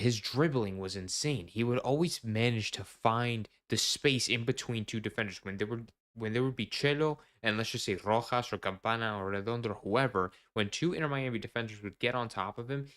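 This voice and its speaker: A man's voice: mid-range voice, moderate pace, few pauses, a bit bright. A young man hosting a casual soccer podcast, talking through a match like an enthusiastic fan, rambling with lots of fillers and restarts. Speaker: podcast host.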